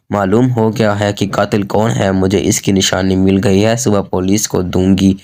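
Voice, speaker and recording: A man narrating a dramatic first-person story in a steady, even reading voice. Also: fairly low pitch.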